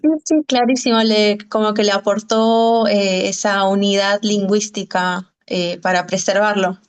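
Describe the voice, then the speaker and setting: A woman's voice: medium pitch, level tone, measured pace, clean tone. A woman from Argentina moderating a Q&A on a video call, asking long questions full of fillers. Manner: filler-heavy, searching for words.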